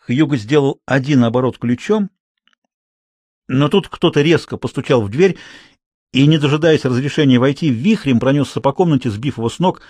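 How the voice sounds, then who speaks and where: A man narrating a children's audiobook in an expressive storytelling manner. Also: mid-range voice, moderate pace, breathy edge, no echo.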